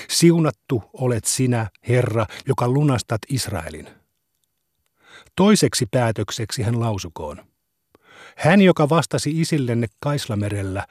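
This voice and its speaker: Male reader, solemn measured recitation of scripture, dry studio sound. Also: mid-range voice, a little mellow, no room sound. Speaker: reader of religious texts. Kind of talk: scripted reading of translated scripture.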